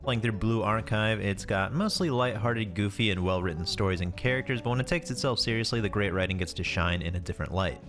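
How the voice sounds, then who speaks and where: A man's voice: lowish voice, brisk, hardly any pauses. A man giving casual scripted commentary as a video host, informal and wry, with some casual swearing. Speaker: YouTube game preview host. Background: music behind the voice.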